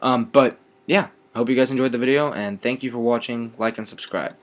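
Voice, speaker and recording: A young man explaining his card game deck in a casual, low-energy way, pausing often with ums. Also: fairly even intonation.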